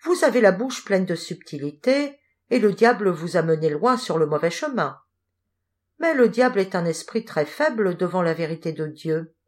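A woman's voice: lowish voice, darkish tone, lightly acted. A woman voicing a stern, pious old knight who lectures a young thief. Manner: solemn, moralizing.

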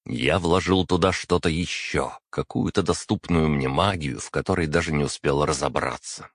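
Very deep-voiced male audiobook narrator. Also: no room sound, studio quality. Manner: measured, steady storytelling. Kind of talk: first-person fantasy audiobook narration.

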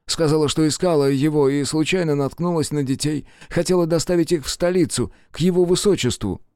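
Male reader playing a cringing, whiny prisoner, high and panicky, dry sound. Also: fairly quick, mellow, smooth, no echo, lightly acted. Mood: nervous. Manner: shrill pleading, high strained voice. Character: frightened, whining man, a cowardly captive.

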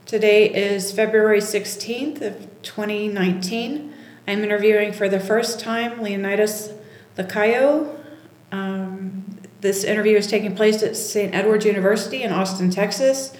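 A woman interviewer reads a formal, scripted introduction and then poses questions to her guest. Her voice is of middle pitch and carries a roomy echo. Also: measured pace, a little mellow. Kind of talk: oral history interview.

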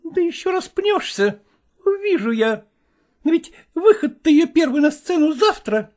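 A man reading a story aloud, voicing a jealous, demanding actress wife who scolds and shouts at her husband. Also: very high-pitched, sing-song, measured pace, pitched above the performer's own voice, full character voice. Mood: angry. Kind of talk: audiobook character voice.

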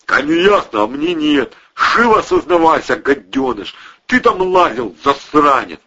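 A man voicing a crude, loud-mouthed thug who talks roughly in slang. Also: fairly high pitch, lively intonation, unhurried, slight background noise, voice pushed up. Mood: aggressive. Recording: dull lo-fi audio.

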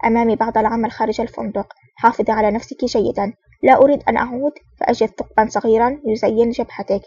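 A woman's voice: a little high, steady tone, very fast, dark tone, breathy edge, no echo. A woman reading a stern male secret agent. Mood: serious. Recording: dull, distant, dry recording.

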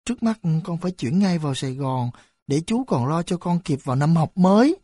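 A woman's voice: low voice, animated, brisk, dark tone, husky, no room sound, clean studio sound. A woman as a grieving, trembling mother. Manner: tearful, trembling.

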